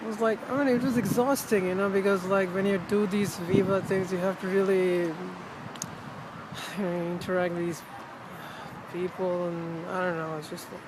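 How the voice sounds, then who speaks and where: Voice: medium pitch, little pitch movement, normal speed. A vlogger chatting casually and reflectively outdoors with wind on the mic, often trailing off and rephrasing. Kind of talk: casual, rambling personal vlog chat. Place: outdoors in wind, with urban ambience. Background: strong wind noise.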